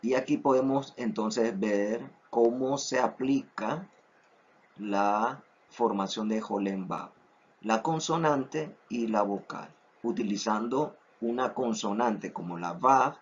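A man teaching an online Hebrew lesson, slow and deliberate, repeating each word three times so it sinks in. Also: fairly low pitch, breathy edge. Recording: dull lo-fi recording.

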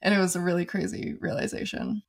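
A woman's voice: on the low side, flat delivery, fast talker, vocal fry. Upbeat young woman podcast co-host. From Arizona. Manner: upbeat, chatty, frequent "like" fillers. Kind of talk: casual chat.

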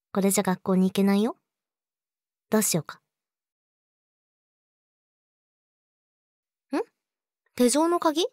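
A woman's voice: medium pitch, darkish tone, no echo, clean studio sound. A woman playing a young, clingy yandere girlfriend in an intimate audio drama, sweet and eerily obsessive, coaxing the listener. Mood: teasing, eerily sweet.

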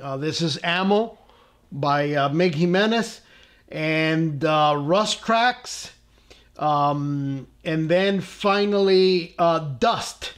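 A man hosting a casual scale-model painting tutorial at his workbench, relaxed and full of "uh" fillers and friendly asides. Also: on the high side, extremely slow, smooth. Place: tabletop workbench indoors.

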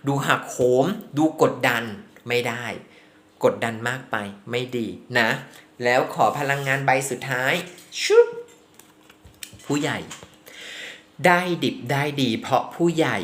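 A man's voice: mid-range voice, measured pace, a bit bright. A man doing a tarot reading in a chatty, affectionate way, speaking to the contestant as to a younger sibling. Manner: chatty, affectionate, calls the subject "child". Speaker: tarot reader. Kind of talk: casual tarot reading commentary.

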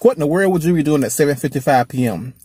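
Laid-back male vlogger with a husky tone, talking through a mouthful of food in his car. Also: on the high side, lively intonation, quick pace, mellow, dry recording. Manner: laid-back, chatty, addresses viewers directly. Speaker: mukbang vlogger. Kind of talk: casual eating vlog talk.

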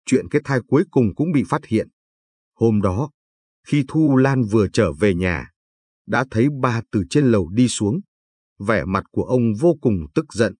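A man narrating a scripted bedtime story in a steady, even reading voice. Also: fairly low pitch, a little slow, slightly rough, no echo.

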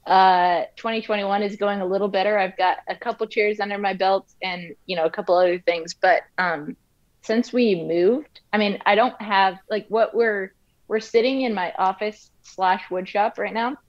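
A woman's voice: medium pitch, steady tone, moderate pace. A woman in her thirties, a woodworker guest in casual interview chat, rambling with many fillers, speaking from her home wood shop. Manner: rambling, frequent fillers and restarts. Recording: dull lo-fi livestream audio.

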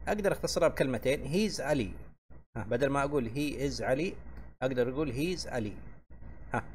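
Explaining English grammar in Arabic, a man repeats each point slowly and keeps checking in with "tamam?" He reads the English examples slowly before translating them. His voice is mid-range, with a little hiss or hum behind it.

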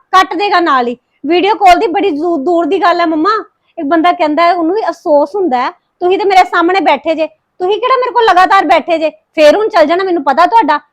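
An actress playing a grieving young wife who bitterly reproaches her mother-in-law, with a Punjabi accent. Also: very high voice. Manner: reproachful, accusing, rapid complaints. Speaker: daughter-in-law Harpreet. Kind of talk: emotional family drama acting.

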